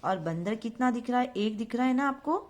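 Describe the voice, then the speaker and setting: A woman's voice: fairly high pitch, lively intonation, a little fast. Woman teacher, patient and repetitive, asks and answers her own questions. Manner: mixes English words into her Hindi. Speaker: school teacher. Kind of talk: recorded online grammar lesson for young children.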